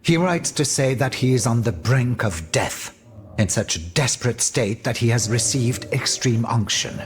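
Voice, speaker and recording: Bitter and indignant, a flamboyant French nobleman rants in a dramatic video game cutscene, played by an actor with a florid, declamatory style. The man's mid-range voice has lively intonation and a moderate pace, sounding close to everyday speech.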